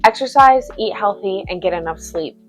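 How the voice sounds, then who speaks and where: Frank, lively woman nurse vlogger. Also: medium pitch, normal speed, soft background music. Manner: frank, animated, acts out chirpy patient small talk. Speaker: nurse and channel host. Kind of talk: advice vlog talking to camera.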